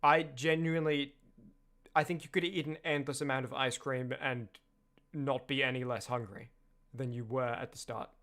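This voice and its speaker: A young man streaming a game, chatting casually with lively tangents and frequent laughter. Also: medium pitch, normal speed. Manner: animated, laughs often, chatty asides. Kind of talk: casual let's-play commentary.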